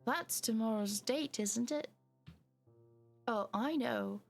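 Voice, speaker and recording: A woman voicing a smug, flirtatious gentleman patron in a put-on British accent, reading his letter aloud from a game. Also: fairly high pitch, slow, vocal fry, faint music behind. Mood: teasing.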